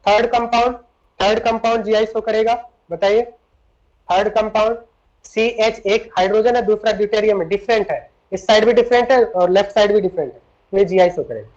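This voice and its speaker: Fairly quick and high-pitched, with a darkish tone, a male chemistry teacher lectures his class in a blend of Hindi and English. He explains things step by step and often quizzes the students, and the recording is dull and lo-fi.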